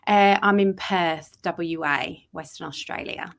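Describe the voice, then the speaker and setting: A woman in her thirties with an English accent, a guest on an interview show. Her voice sits somewhat low. She talks in a chatty, friendly way. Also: slow pace, gravelly. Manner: friendly, laughs easily, chatty. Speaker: interview guest, motherhood coach. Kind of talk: casual interview conversation.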